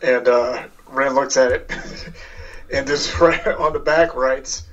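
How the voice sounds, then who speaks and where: A man's voice: mid-range voice, fairly even intonation, slow, a bit bright, recorded from a distance, lo-fi sound. A man taking part as a player in a tabletop game, casually describing what his character does. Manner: casual, hesitant storytelling.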